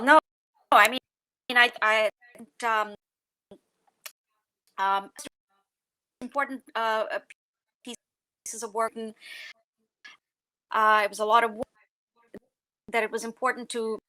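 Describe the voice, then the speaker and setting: A woman, a guest writer, answering interview questions over a remote call line whose audio keeps cutting in and out and jumping in volume. She speaks haltingly, with many fillers and restarts. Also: a little high, steady tone, pushed and bright, dry recording, poor audio. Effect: call audio cutting in and out, volume rising and dropping.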